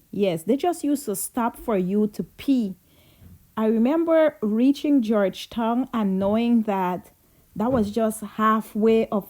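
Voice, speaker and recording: A woman's voice: mid-range voice, a little mellow. A Guyanese woman telling childhood stories in a chatty, reminiscing way, slipping into Creole as she goes. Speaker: vlogger. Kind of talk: casual storytelling.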